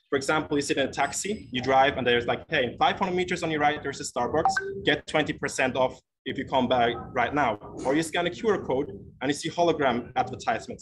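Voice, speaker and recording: Man pitching from a noisy airport terminal. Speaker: startup founder pitching. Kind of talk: pitch presentation. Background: airport terminal noise.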